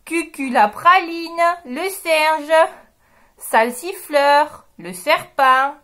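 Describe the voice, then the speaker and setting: A woman hosting a reading workshop, reading a children's picture book aloud with expressive, drawn-out storytelling. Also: sits high.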